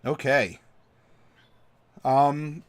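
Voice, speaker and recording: A man's voice: mid-range voice, fairly even intonation, very slow. Laughing game master, man. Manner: stammering, laughing often between lines. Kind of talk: narrating a tabletop game.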